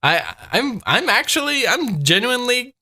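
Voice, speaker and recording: Male reaction host, very animated pitch, rambling, mock-shocked delivery. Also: moderate pace, over loud music. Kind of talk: reaction commentary.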